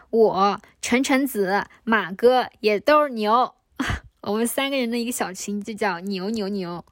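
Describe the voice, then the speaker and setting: A woman's voice: mid-range voice, no echo. A woman of twenty-four hosting her own podcast in a chatty, playful solo talk, now and then joking with put-on accents. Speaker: podcast host. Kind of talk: casual solo podcast chat.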